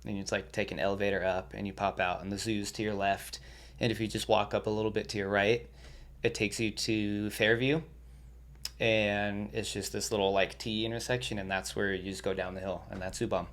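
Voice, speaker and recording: A man's voice: lowish voice, little pitch movement, brisk, a bit bright. A young man, a podcast guest, telling laid-back stories with lots of swearing and laughter. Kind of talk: casual storytelling.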